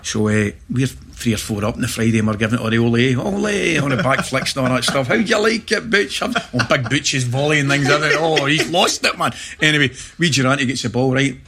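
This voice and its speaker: A middle-aged Scottish man, a former footballer, telling lively anecdotes in casual chat and laughing through them. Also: medium pitch, fast, few pauses, a little hiss or hum. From Scotland. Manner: animated anecdote teller, laughs through stories.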